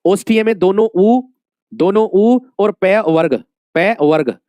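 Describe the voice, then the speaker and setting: A man's voice: high-pitched, lively intonation, slow pace, mellow, no echo. A male Hindi teacher giving an exam-prep lesson, calling his students dear friends, asking questions and repeating the answers many times.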